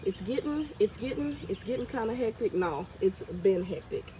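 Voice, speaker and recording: Planting her garden outside, a congested woman keeps up a chatty vlog narration, thinking aloud as she works. Her slightly high voice is animated and moves at normal speed, with background noise, birds, and outdoor ambience audible.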